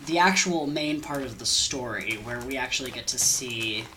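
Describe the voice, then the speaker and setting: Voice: medium pitch, moderate pace, bright, forceful tone, slight background noise, poor audio. A young adult game streamer and storyteller with a sniffly cold, rambling casually in a scatterbrained, self-deprecating and informal way. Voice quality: congested.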